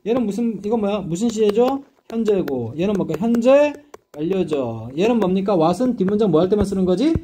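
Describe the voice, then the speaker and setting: A male English teacher lectures his class in a high, mellow voice that swings up and down with emphasis. He keeps checking that the students follow along, with a faint hiss of noise behind him. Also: a little fast. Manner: constant check-ins with the students; lively, rising and dipping emphasis.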